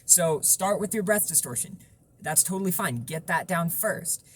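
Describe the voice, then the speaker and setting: A man's voice: a little high, animated, moderate pace, fairly bright tone, slight background noise. A man giving an informal, explanatory tutorial on vocal technique, stressing points through repetition.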